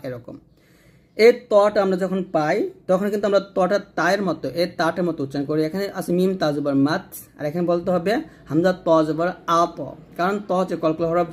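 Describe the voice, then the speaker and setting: A man teaching Quran recitation, patiently spelling out letters and syllables slowly and repeating each sound. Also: a little high. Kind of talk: slow letter-by-letter pronunciation lesson.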